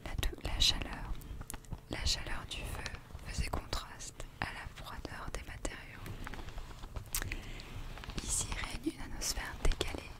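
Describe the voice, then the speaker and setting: Young woman in a hushed library whisper. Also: rough recording. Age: young adult. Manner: slow, deliberate delivery with pauses. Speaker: ASMR creator. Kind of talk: whispered ASMR story reading. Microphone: close desk microphone, headphones on.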